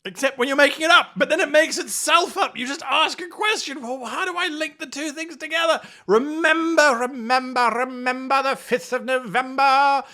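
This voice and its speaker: With a very high, sharp voice, a man runs a tabletop role-playing lesson at a moderate pace, hardly pausing at all. His game master advice comes across theatrical and exaggerated, complete with acted-out mock dialogue.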